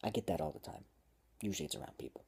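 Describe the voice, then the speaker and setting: A man's voice: fairly low pitch, very animated, racing, vocal fry, darkish tone, breathy edge. A man reading his own story aloud, stopping often to joke and comment on his writing. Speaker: amateur writer and vlogger.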